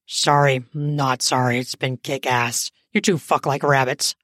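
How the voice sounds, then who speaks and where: Woman putting on a deep-voiced lusty young man. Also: fairly even intonation, measured pace, fairly bright tone, no echo, clean studio sound. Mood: lustful.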